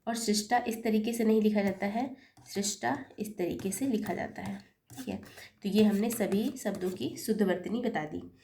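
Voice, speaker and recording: With a mid-range, mellow voice at normal speed, a woman who teaches Hindi works through an exam-prep lesson, spelling out corrections one step at a time. She corrects her own mistakes and says sorry for them. There's slight background noise.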